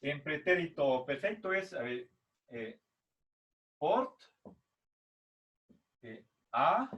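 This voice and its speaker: The audio is dull, but this middle-aged man's voice comes through fairly bright, high and sing-song. In a slow classroom explanation of Latin grammar, he drills verb forms syllable by syllable, repeats them with patience and checks in with "¿sí?" after each point.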